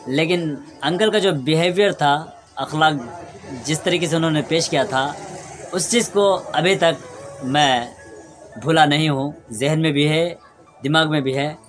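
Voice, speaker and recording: A man's voice: on the high side, fairly bright tone. Earnest man telling a story over music. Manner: earnest, reflective, with pauses and restarts. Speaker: storyteller vlogger. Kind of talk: personal storytelling vlog. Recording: sad background music underneath.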